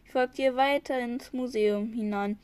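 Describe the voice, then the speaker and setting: A woman's voice: on the high side, steady tone, measured pace, a little mellow, smooth, no echo. A woman reading a novel chapter aloud, often stumbling and restarting words. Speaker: reader.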